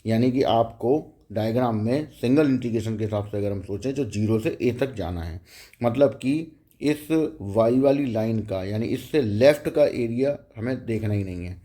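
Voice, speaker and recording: A man's voice: lowish voice, normal speed, warm tone. A man teaching a math lecture, explaining step by step and often checking in with the students.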